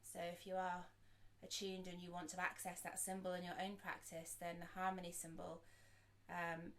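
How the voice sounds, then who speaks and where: A woman guiding a group through a meditation, speaking softly and slowly with gentle pauses. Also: lowish voice, monotone. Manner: soft, slow and soothing, with gentle pauses. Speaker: sound healer and meditation guide. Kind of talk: guided meditation.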